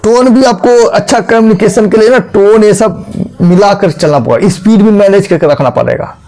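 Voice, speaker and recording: A man's voice: sits high, moderate pace, darkish tone. A man explaining a lesson step by step, asking rhetorical questions and demonstrating tones and expressions as he teaches.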